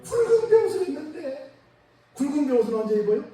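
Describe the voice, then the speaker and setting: A man with a high voice preaches a Sunday sermon, chatty and animated, peppering the congregation with questions. The sound is heavily echoey, as if caught from across a big church hall. A faint hiss sits under it. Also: a little fast, far from the mic. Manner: lively, conversational preaching with rhetorical questions. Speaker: pastor. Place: church sanctuary.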